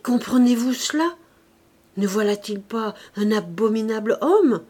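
A woman reading an audiobook, voicing a proud, excitable young seamstress in high, loud outbursts. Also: normal speed, lightly acted. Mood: indignant.

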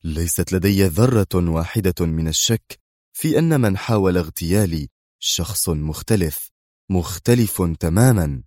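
A man voicing a grim, defiant army colonel in an audiobook. Low and severe, he speaks in short, hard sentences, with a dry sound. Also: animated, normal speed, darkish tone, no room sound. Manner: severe, clipped.

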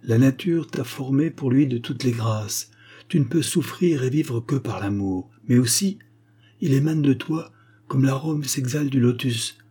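A man's voice: mid-range voice, measured pace, mellow, husky, voice pushed up. A man voicing an aging male scribe who pleads earnestly and reproachfully with the young man he raised. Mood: pleading.

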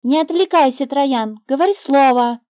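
A woman voicing an eager, high little girl. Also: moderate pace, mellow, no echo, clean studio sound, lightly acted. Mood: eager playful. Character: young girl, cheerful and playful.

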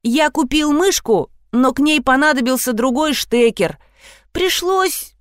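A woman's voice: high voice, measured pace, no echo, clean studio sound, pitched above the performer's own voice. A woman voicing a whiny, anxious young boy in a read-aloud story. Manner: whining, anxious.

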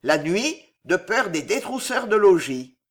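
A man voicing a cool, wry young chevalier who taunts noblemen before a duel. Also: high voice. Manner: calm, wry, unhurried.

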